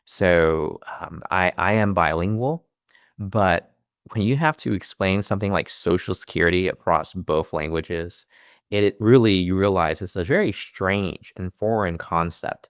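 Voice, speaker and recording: At a measured pace, a man in his thirties, a US financial advisor whose first home language was Chinese, gives earnest interview answers. His voice is low, smooth and resonant, and he restarts phrases often, with frequent fillers. The audio is close and dry, with no echo.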